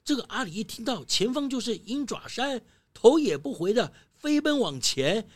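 A woman narrating a children's story in a lively voice, full of exclamations. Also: fairly high pitch, normal speed, faint music behind.

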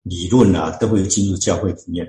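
A low-voiced man speaks as a church deacon explaining scripture in an interview. He talks earnestly, pausing on long fillers and restarting phrases as he thinks. The recording carries a noticeable echo from the room. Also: fairly even intonation, mellow. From Chinese-speaking, living in Canada.

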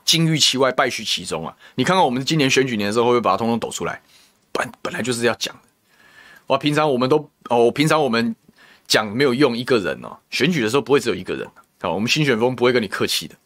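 Rapid-fire and lively in intonation, the man speaks at medium pitch with a fairly bright tone. He hosts a political talk show with a Taiwanese Mandarin accent, venting in indignant commentary loaded with rhetorical questions and insults.

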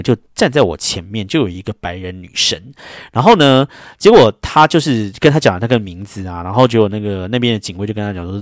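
Brief: middle-aged male podcast host, lowish voice, ranting in a dry close sound. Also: no echo. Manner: chatty, ranting, with emphatic complaints. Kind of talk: casual solo podcast talk.

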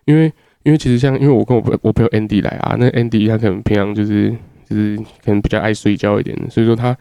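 A man's voice: fairly low pitch, steady tone, rapid-fire, vocal fry, dark tone, clean tone, dry recording, clean studio sound. A young man from Taiwan telling a crude, rambling casual story as a podcast host, swearing often.

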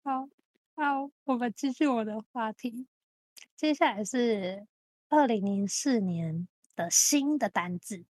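A woman's voice: on the high side, slow pace, dry recording. A woman in her thirties, a podcast co-host, telling a long anecdote in casual chat, repeating phrases as she goes. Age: 30s. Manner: animated storytelling, repeats phrases.

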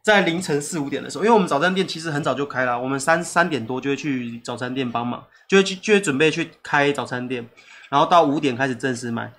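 A man hosting a podcast, telling stories in a casual, animated way, often laughing and acting out what people said. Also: medium pitch, quick pace. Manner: animated, often laughing, acts out quoted lines. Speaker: podcast host. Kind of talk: casual storytelling chat.

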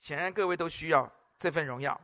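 A man's voice: fairly high pitch, fast talker, sharp tone. A male pastor preaching a sermon, emphatic and repetitive, firing rhetorical questions at his congregation. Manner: repeats phrases for emphasis.

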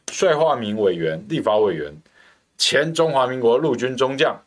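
A man's voice: mid-range voice, a bit bright. Heated, scornful male political commentator. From Taiwan. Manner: heated, scornful, hammering rhetorical questions. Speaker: political talk show host.

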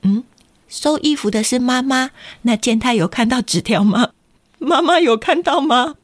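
Lively high-voiced Taiwanese storyteller woman. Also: moderate pace, no echo. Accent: Taiwanese Mandarin. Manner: animated, questioning the children. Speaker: children's storyteller. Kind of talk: picture-book reading to children.

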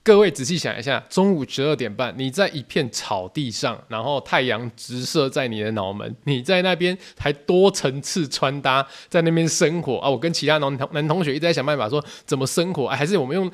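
A young man with a Taiwanese Mandarin accent, hosting a podcast and telling a story in a lively, casual way, acting out other people's voices. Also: mid-range voice, a little fast, few pauses. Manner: animated, quotes people in shifting voices. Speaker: podcast host.

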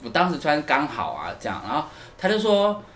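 A man's voice: a little high, huge pitch swings, fairly quick, a bit bright. A man telling a work anecdote in casual podcast chat, acting out what each person said. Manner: storytelling, acts out quoted dialogue.

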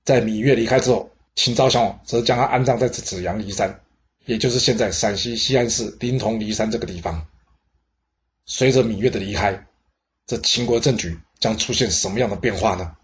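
A man tells history stories in a low, chatty voice. He talks straight to the listener, adding casual asides. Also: a little fast. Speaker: storyteller. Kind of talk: history storytelling podcast.

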